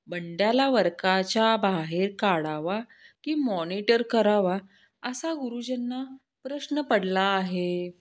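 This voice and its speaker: Slow-spoken woman reading jokes. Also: mid-range voice, lively intonation. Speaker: joke reader.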